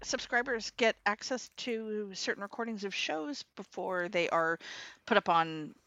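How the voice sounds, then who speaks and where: A woman's voice: medium pitch, fairly bright tone, no room sound, lo-fi sound. A woman in her forties co-hosting a casual radio show, bubbly and emphatic. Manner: bubbly, quick to laugh, emphatic. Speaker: radio co-host.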